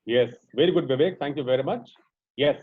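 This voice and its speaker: A man's voice: mid-range voice, fairly quick, husky. A man teaching a voice training class over a video call, often asking the group questions. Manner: interactive, asks the group questions. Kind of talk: online training session. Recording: dry, slightly dull call audio.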